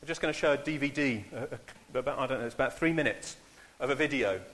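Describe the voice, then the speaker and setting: A man leading a church service, talking in a halting, informal way with many fillers and restarts. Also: mid-range voice, fairly bright tone, big-room sound. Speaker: minister. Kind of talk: informal sermon.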